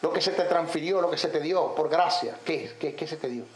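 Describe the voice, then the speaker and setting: High-voiced preacher teaching emphatically. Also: male voice, brisk. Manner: fires rhetorical questions, lists terms, emphatic. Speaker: Bible teacher. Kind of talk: theological teaching sermon. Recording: echoey room, faint background noise.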